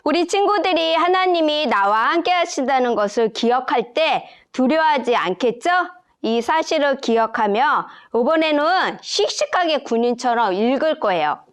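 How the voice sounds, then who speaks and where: A woman teaching a children's Sunday school lesson, leading slow, clear, sing-song recitations. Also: high voice, lively intonation. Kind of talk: children's Bible memory lesson.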